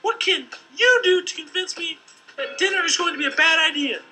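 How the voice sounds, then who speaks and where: A woman's voice: very high-pitched, animated, fairly quick, over loud music, rough recording. An actress voicing a skeptical young woman in a game who teases a caller warning her of danger.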